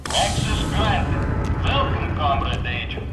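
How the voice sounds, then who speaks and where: An actor voicing a stern male security system robot in a video game, making clipped, flat announcements. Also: a little high, slow pace. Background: loud game music.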